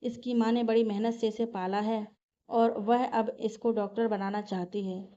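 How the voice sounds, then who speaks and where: Chatty middle-aged aunt, read by a woman, affectionate, higher voice. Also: little pitch movement, normal speed, warm tone, close to an everyday voice. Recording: dull lo-fi recording.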